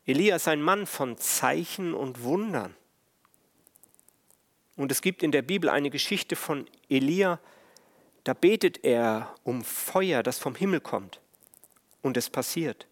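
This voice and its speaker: A man preaching a sermon on the Passion in a slow, measured, solemn way. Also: a little high, expressive. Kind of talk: sermon on the stations of the cross.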